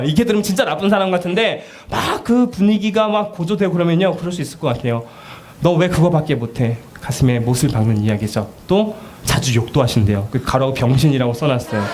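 A young man preaching to children and parents in a church, lively and joking, acting out parents' scolding lines in a sharp raised voice. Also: high-pitched. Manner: lively, jokes with audience. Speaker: children's ministry pastor. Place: church hall with audience laughter.

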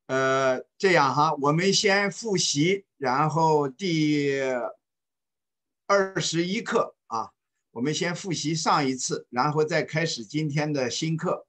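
A man teaching an online English class, speaking slowly and patiently and repeating phrases for students to follow. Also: a little high, fairly bright tone. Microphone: video call.

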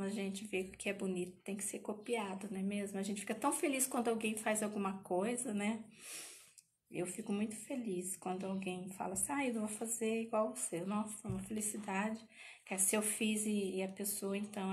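A woman's voice: medium pitch, steady tone, moderate pace, darkish tone. Chatty woman over fifty teaching crafts. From Paraná, Brazil. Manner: chatty, emotional, speaks to viewers with many tag questions. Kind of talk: live craft tutorial.

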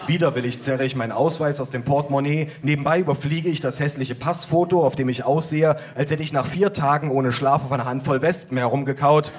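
Man performing a deadpan comic story. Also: mid-range voice, brisk, hardly any pauses. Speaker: poetry slam performer. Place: stage at a poetry slam.

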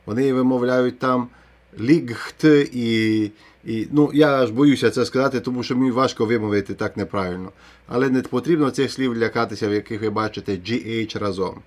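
Male teacher for a video lesson, explains rules clearly and sounds out example words. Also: mid-range voice, a little fast. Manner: explains step by step, pronouncing English example words. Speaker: English pronunciation teacher.

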